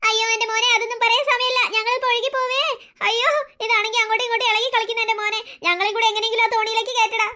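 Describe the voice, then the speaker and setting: A panicky old grandmother in a cartoon story wails and begs for rescue in a piercing, very high voice. A woman acts her out. She talks in a quick, breathless rush. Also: little pitch movement, sharp tone. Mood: panicked pleading. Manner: wailing, pleading.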